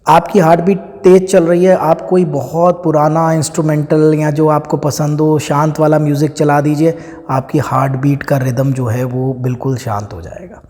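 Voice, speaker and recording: A man's voice: a little high, level tone, moderate pace, a little mellow, long reverb tail. A man giving a casual spiritual talk, explaining with everyday examples and dropping in English phrases. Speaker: spiritual teacher.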